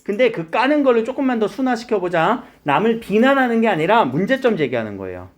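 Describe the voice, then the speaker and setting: A middle-aged man lectures a classroom of students on literary terms, his voice sitting a little high. His pitch swings widely as he fires questions at the class and answers them himself. It sounds like a lively, hands-on teacher. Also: brisk.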